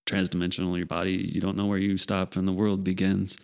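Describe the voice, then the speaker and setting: A man's voice: low-pitched, completely flat delivery, fast talker, creaky. A man in casual conversation, speaking as an acupuncturist in a playful, musing way. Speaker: acupuncturist guest. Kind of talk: casual chat.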